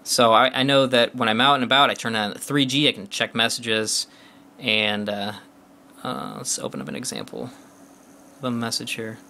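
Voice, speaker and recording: A man with a bright, forward voice walks through a phone's features in a casual demo. He talks along as he taps, loose and chatty, full of uh's and restarted sentences. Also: mid-range voice, moderate pace, creaky, a little hiss or hum. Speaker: phone reviewer.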